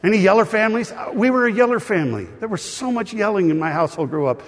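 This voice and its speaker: A male pastor preaching a sermon to a live congregation, animated and joking with the crowd. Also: high voice, very fast, long reverb tail.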